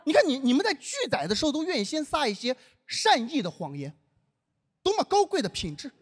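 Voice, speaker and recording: A young man from northern China telling a stand-up comedy story, acting out the dialogue with lively delivery. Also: extremely high pitch, brisk, slight background noise.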